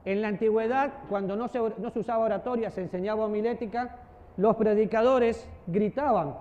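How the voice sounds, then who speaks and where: A man giving a lively church teaching, acting out voices and joking with his listeners. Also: high voice, a little fast. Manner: animated, acts out voices and gestures, jokes with the audience. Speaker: preacher and teacher. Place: church hall. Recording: dull audio with long hall reverb.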